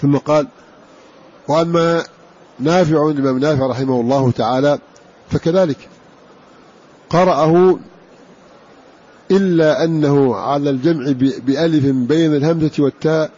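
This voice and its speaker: Dark husky male lecturer, lo-fi. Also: fairly high pitch, fairly even intonation. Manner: explains slowly, repeating and drawing out key words. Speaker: Quran recitation teacher. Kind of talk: scholarly lecture on Quran readings. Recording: dull lo-fi recording.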